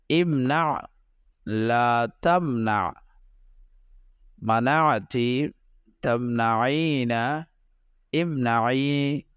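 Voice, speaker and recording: A man teaching Arabic, reading verb conjugations one word at a time with long pauses. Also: mid-range voice, fairly bright tone, clear, resonant tone, dry recording, clean studio sound. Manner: reads isolated words with long pauses. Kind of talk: slow verb conjugation drill.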